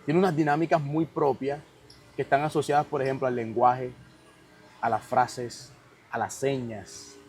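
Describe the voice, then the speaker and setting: A man's voice: medium pitch, level tone, moderate pace, a little mellow. A man with a Caribbean Spanish accent from Cartagena, Colombia, explains things conversationally and emphatically, often checking that his listener follows. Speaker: podcast guest.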